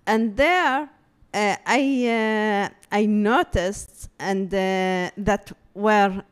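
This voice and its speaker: A woman from Palestine, an artist giving a public talk, speaking haltingly and searching for words with many fillers. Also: medium pitch, steady tone, clear, resonant tone. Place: talk room before an audience.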